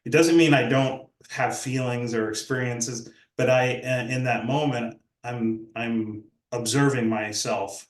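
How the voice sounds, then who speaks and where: Measured older man in a roomy space. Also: medium pitch, fairly even intonation. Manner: measured, reflective. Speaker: professor. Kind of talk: academic discussion. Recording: roomy echo.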